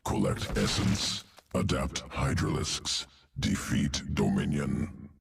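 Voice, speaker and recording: A man voices a cold, clinical alien gene-engineer in video game dialogue, his guttural, gravelly tone rumbling low. He speaks slowly in clipped, telegraphic phrases with detached menace, heavily acted over a noisy background.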